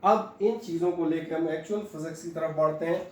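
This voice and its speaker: In this classroom lecture blending Hindi and English, a male physics teacher walks through the material step by step, asking his own questions and answering them. He speaks briskly at a fairly high pitch. There's an echo in the room and a faint hum underneath.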